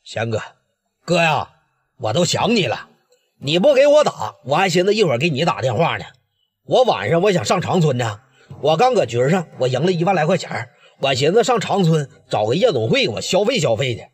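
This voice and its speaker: Man doing chatty Northeastern gambler, husky, eager. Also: a little high, sing-song, a little fast. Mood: cheerful. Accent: Northeastern Mandarin. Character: cheerful small-town gambler, adult male, boisterous.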